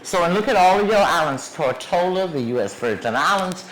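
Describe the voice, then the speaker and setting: Speaking fairly quickly with lively intonation and a fairly low pitch, this woman is a museum guest speaker who hammers home her points and lists places one by one. Her public lecture includes questions, and a clip mic under her shawl captures it in a reverberant room with a little background noise.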